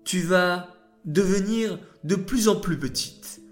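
A man voicing a kind, patient God who consoles the moon in a children's story, speaking low, slow and reassuring. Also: faint music behind. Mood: explaining.

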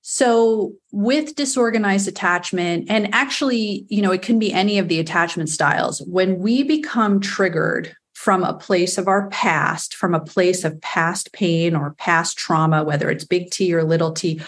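A woman's voice: on the low side, measured pace, few pauses. A woman with a New York accent, a guest on a podcast interview, explaining earnestly with frequent fillers. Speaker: attachment specialist guest.

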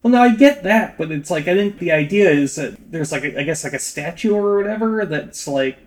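A man's voice: high-pitched, expressive, brisk. A man co-hosting a podcast in casual chat, with a loose, wry and hedging way of talking. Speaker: podcast co-host.

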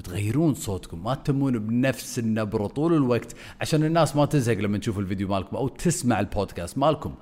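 Man, content coach, energetic video lesson, very fast delivery, mid pitch. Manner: energetic, swings voice up and down on purpose.

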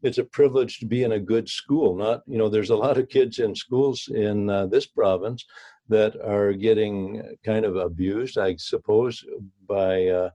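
A man from Canada, a guest on a political talk show, speaking haltingly with many fillers. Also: lowish voice, fairly even intonation, mellow.

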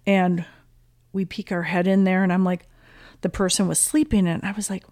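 A woman's voice: lowish voice, flat delivery, normal speed, darkish tone, no room sound, clean studio sound. A middle-aged woman telling a personal story in a casual conversation, emotional and vivid, acting out what people said. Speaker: guest, mother of the host.

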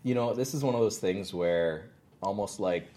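A man's voice: fairly low pitch, moderate pace, warm tone. A man in his thirties, a ministry founder, talking earnestly in an interview and telling stories with frequent restarts. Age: 30s. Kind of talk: interview conversation.

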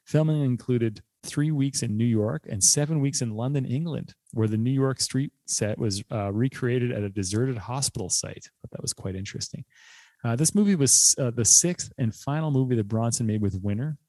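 A man with a mellow, warm voice co-hosts a casual movie podcast. He laughs easily and reels off a plot summary in a quick read. The sound is dry and close. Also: medium pitch, dry recording. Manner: laughs often, fast rundown read aloud. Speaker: podcast co-host.

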